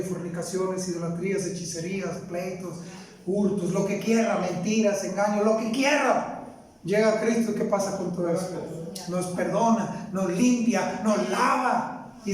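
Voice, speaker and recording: High-pitched preacher in echoey hall. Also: male voice. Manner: preaches with rhetorical questions, often rising to a shout. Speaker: pastor. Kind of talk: sermon. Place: church sanctuary. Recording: echoey church hall from far off.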